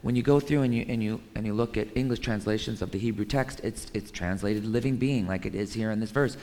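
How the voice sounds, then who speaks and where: A man preaches a relaxed, conversational sermon in a church sanctuary. His voice sits low and has a gravelly edge, and he often restarts his phrases. The sound carries a long hall reverb. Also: fast. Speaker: pastor.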